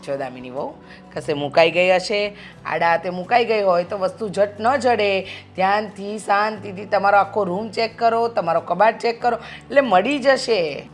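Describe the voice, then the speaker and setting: A woman's voice: medium pitch, normal speed, soft background music, close to an everyday voice. A woman playing a lecturing mother-in-law. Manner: reassuring, lecturing. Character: mother-in-law calmly lecturing her daughter-in-law. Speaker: actor in a web drama.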